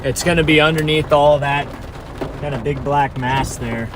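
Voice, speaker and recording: This livestreaming storm chaser talks to his viewers at a moderate pace in a slightly high, steady voice. His commentary is casual yet urgent, watchful and repetitive, with clear vehicle and outdoor ambient noise behind him.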